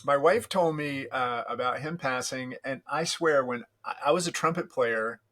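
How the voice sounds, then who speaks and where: A man's voice: mid-range voice, moderate pace, a bit bright. A man in his late fifties, a podcast guest, reminiscing in casual chat with a wry, self-deprecating humor. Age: 50s.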